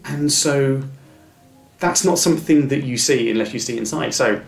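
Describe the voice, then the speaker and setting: Gravelly and medium-pitched, a middle-aged man talks at a normal speed as a guest in a thoughtful interview, handing out earnest encouragement. His speech stammers, with words repeated and sentences restarted. Light music drifts through the echoey space.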